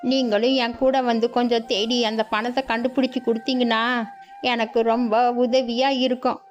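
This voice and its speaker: A woman playing a frail old village grandmother in a cartoon story, her voice high and pleading as she wails slowly. The audio is dull and lo-fi, with music faintly underneath. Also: level tone, close to an everyday voice. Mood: tearful, pleading. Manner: wailing, slow and pleading.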